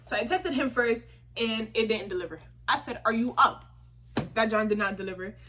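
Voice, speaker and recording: A young adult woman vlogger telling a story in a casual, animated way, acting out dialogue and using slang. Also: fairly high pitch, fairly quick, a little hiss or hum. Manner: animated retelling full of quoted dialogue and slang.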